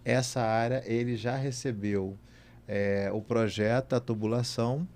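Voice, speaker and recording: A man on a panel laying out public works plans and chiming in briskly. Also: mid-range voice, steady tone, darkish tone. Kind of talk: panel discussion.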